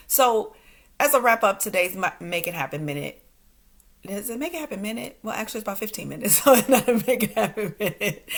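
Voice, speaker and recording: A woman's voice: medium pitch, a bit bright. A woman in her forties, a stand-up comic and entrepreneur, hosting a motivational talk in short, emphatic commands and laughing often.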